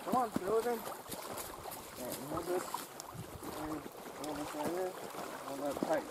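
Young man, relaxed coaxing chat, lakeshore outdoors, loud wind noise over the voice. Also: sits high, measured pace, creaky. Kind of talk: casual chat.

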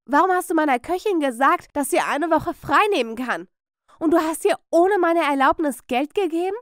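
A woman's voice: high-pitched, expressive, moderate pace, dry recording, studio quality. A woman voicing a vain, cruel old grandmother who scolds harshly and orders people around in a dubbed cartoon. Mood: scolding.

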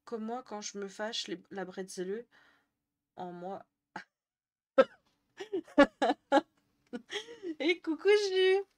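A woman's voice: on the high side, big pitch swings, extremely slow, long pauses. Chatty woman streamer answering her chat. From Jura, France. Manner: chatty, answers chat messages, laughs often. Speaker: Twitch streamer. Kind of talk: casual live-stream chat with viewers.

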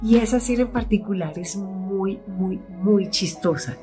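A woman's voice: mid-range voice, unhurried, over loud music. A middle-aged woman with a Colombian accent, an actress hosting her own video channel, telling rambling behind-the-scenes stories and acting out what she said back then. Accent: Colombian (Bogotá). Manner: rambling, chatty, acts out her own past voice. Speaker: actress and YouTube host. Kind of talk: casual storytelling vlog.

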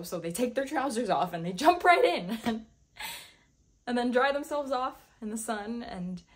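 A young woman acting a dramatic monologue as a melancholy, lovesick woman, halting and wistful, with a slightly husky voice. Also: mid-range voice. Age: young adult. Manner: melancholy, halting and wistful, with nervous laughter breaking through. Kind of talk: dramatic stage monologue performance. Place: small plain room, indoors.

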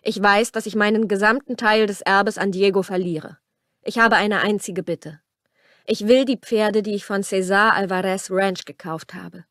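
A woman's voice: mid-range voice, fairly even intonation, normal speed, a bit bright, no echo, clean studio sound, lightly acted. A woman reading a romance audiobook aloud and voicing a brooding, harsh young rancher, her delivery tense and clipped. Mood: cold.

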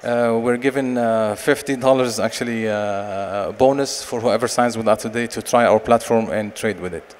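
Presenter on a reverberant expo stage. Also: male voice, moderate pace, hardly any pauses. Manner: sales pitch with frequent fillers and restarts. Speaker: company managing director presenting. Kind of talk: conference presentation and Q&A. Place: large expo stage hall. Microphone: handheld mic. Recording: long hall reverb, faint noise.

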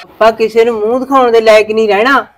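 A woman's voice: on the high side, fairly even intonation, quick pace, close to an everyday voice. A woman acting a middle-aged village mother in a family drama, with a Punjabi accent and a nagging, anxious aunty manner. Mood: worried, lamenting. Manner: Punjabi aunty way of talking, grumbling and fretting.

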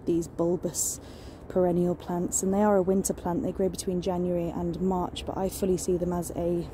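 A woman in her thirties, a nature vlogger, films a casual walking vlog through woodland and along a beach, talking into a phone held at arm's length. She's enthusiastic and chatty with many fillers, her lowish voice showing little pitch movement at a moderate pace. The phone recording picks up noise, distant planes and outdoor ambience.

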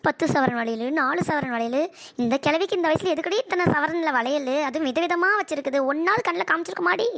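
Brief: brash scheming elder daughter-in-law, voiced by a woman, high-pitched and bossy, dry close sound. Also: fast, a bit bright, no echo. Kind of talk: cartoon voice acting.

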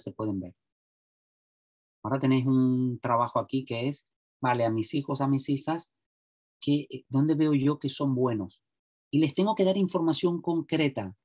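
Husky man leading a parent workshop. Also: medium pitch, moderate pace, pauses often. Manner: lively, checks in often with "¿vale?". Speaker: social educator.

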